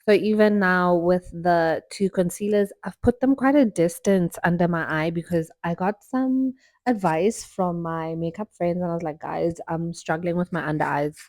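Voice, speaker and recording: A woman's voice: fairly low pitch, moderate pace, a little mellow, dry recording. A young woman chatting casually through a makeup tutorial at home, friendly and full of fillers. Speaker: beauty vlogger. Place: home, indoors.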